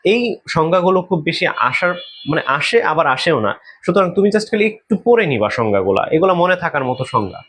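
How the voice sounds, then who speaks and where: A male chemistry teacher with a Bangladeshi Bengali accent walks students through exam material. His voice sits a little high and swings widely in pitch. He keeps asking questions and answering them himself, repeating the key words. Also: fairly bright tone. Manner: repeats key terms for emphasis. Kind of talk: exam-prep lesson.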